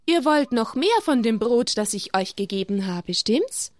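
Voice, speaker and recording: Jesus speaks as a calm, solemn male teacher, played by a woman telling a children's Bible story. His words come measured and raised, a touch above a plain speaking voice. The sound is dry and close. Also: on the high side, no echo.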